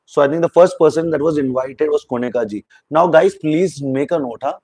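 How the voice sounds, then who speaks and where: A man's voice: on the high side, brisk, a little mellow, no echo, low-quality recording. A man giving a rambling, opinionated spoken review of a reality show, mixing in Hindi words.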